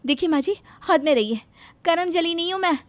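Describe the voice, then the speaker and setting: A woman's voice: very high-pitched, animated, a little fast, no echo, voice pushed up. A woman voicing a cheeky, sassy young bride in a cartoon story, pleading at times and talking back at others. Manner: pleading, then cheeky and loud. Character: sassy young bride hiding big ears.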